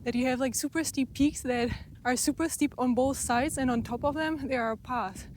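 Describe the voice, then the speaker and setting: A woman's voice: high voice, normal speed, darkish tone, a little hiss or hum. A young woman with a way of talking, chatting eagerly to the camera while hiking outdoors, a little out of breath. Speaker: travel vlogger. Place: outdoors on a mountain hike.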